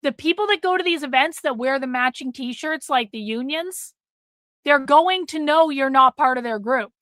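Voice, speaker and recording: Speaking at a moderate pace in a high, slightly bright voice, this middle-aged livestream host chats casually and bluntly with her viewers. She swears freely and repeats points for emphasis while losing her voice, captured in a dry, clean studio recording.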